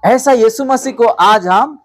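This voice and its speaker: Speaking slowly in an extremely high-pitched voice, a male pastor delivers a sermon built on stories and rhetorical questions. He talks straight to the congregation and repeatedly calls out "hallelujah."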